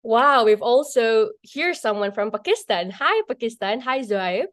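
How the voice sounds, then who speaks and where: A woman's voice: on the high side, animated, moderate pace, a bit bright, dry recording, studio quality. Upbeat young woman moderating online. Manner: upbeat, chatty, many "like" fillers. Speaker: workshop moderator. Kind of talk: live online event hosting. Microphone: video call.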